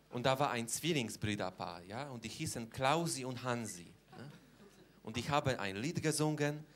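A man's voice: medium pitch, fairly bright tone. A man doing stand-up as a cheeky, boastful Polish man with a Polish accent, speaking broken German and tagging almost every line with a question. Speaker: comedian in character. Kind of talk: stand-up comedy.

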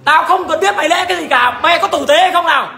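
A man yells and curses in a fierce quarrel inside a temple. His voice is piercingly high and sharp, and his words pour out at a furious speed. The sound rings around an echoey hall with a faint crowd behind. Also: fast, vocal fry. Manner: shouting, cursing, ordering someone out. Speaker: temple keeper. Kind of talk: heated real-life argument.

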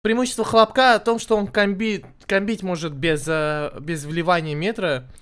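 A young man giving casual, excitable live commentary while streaming a video game. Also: high voice, normal speed, smooth. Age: young adult.

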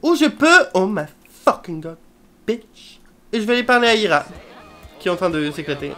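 A woman's voice: mid-range voice, very animated, normal speed, sharp tone, soft background music. A woman chatting casually as she plays a life-simulation game, swearing and dropping English exclamations. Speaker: video game let's player. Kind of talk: casual gameplay commentary.

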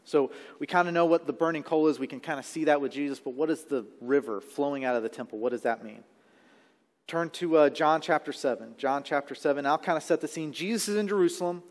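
A man's voice: a little high, quick pace, a little mellow. A man preaching a sermon live in a church, talking conversationally and checking in with the congregation. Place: church sanctuary. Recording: live sermon with long hall reverb.

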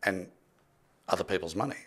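A man in his sixties with a deep, husky, fairly bright voice tells stories animatedly and a little fast as an interview guest. The property development expert speaks conversationally and emphatically into a close boom-arm studio mic, wearing headphones, in a small indoor podcast studio.

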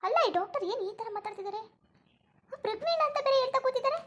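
A woman's voice: very high-pitched, racing, fairly bright tone. Woman voicing a fretful young wife. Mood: distraught. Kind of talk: cartoon voice acting.

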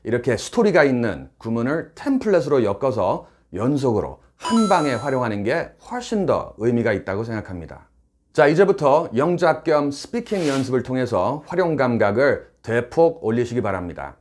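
A middle-aged man who teaches English, explaining phrases clearly and with emphasis in a scripted lesson. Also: medium pitch, very animated, normal speed, darkish tone, a little hiss or hum.

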